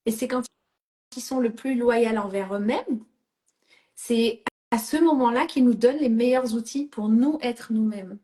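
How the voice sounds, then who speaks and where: Woman coach, middle-aged, raised pitch; directive, frequent check-ins, code-switches into English. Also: measured pace, warm tone. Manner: mixes English phrases into French. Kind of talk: live coaching session.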